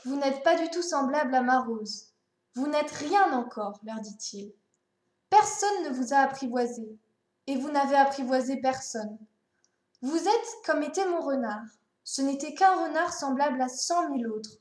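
A woman voicing the little prince, a gentle, curious boy who asks earnest questions. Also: high voice, lively intonation, unhurried, reverberant, pitched above the performer's own voice.

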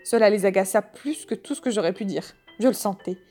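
A woman reading a humorous novel aloud in measured, wry storytelling. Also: mid-range voice, warm tone, soft background music. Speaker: audiobook reader. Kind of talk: scripted narration.

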